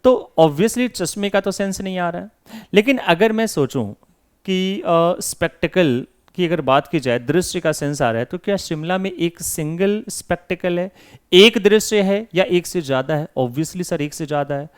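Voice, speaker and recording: A man's voice: high voice, normal speed, clear, resonant tone. A man teaching English grammar in Hindi, asking and answering his own questions as if voicing his students. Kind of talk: classroom lesson.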